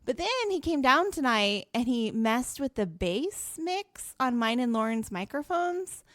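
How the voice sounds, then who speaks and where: Higher-voiced woman hosting a casual chat. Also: expressive, a little slow, a bit bright, no echo, clean studio sound. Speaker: podcast host.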